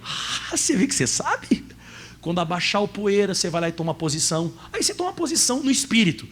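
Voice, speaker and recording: A man with a Brazilian Portuguese accent preaching a sermon as pastor, emotional, rising at times to loud cries. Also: high-pitched, sing-song, fast talker, a little hiss or hum.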